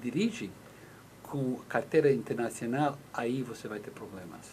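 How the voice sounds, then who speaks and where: On a US radio call-in show, a male lawyer answers listener questions, patiently explaining things and acting out short exchanges while restarting often. His mid-range voice is a little mellow and moves at a moderate pace, with a bit of hiss or hum in the background.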